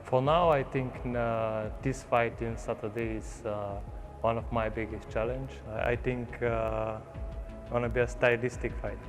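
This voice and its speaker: A man's voice: medium pitch, steady tone, a little slow. Hesitant Bulgarian-accented male fighter. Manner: hesitant, many fillers. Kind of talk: pre-fight interview. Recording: music and crowd behind.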